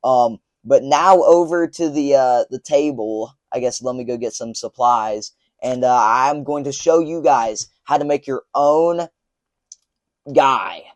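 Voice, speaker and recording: This young man's mid-range voice moves unhurriedly and has no room sound. He's a video creator giving casual commentary on his handmade stuffed toys, full of fillers and restarts, captured by a little lapel mic into a phone.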